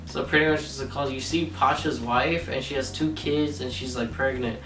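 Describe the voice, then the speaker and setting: Drunk male, halting and repetitive movie storyteller, a bit distant from the mic with faint music. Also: medium pitch, fairly even intonation, reverberant. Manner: drunk, halting, leaning on stock phrases. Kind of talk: casual comedic movie retelling.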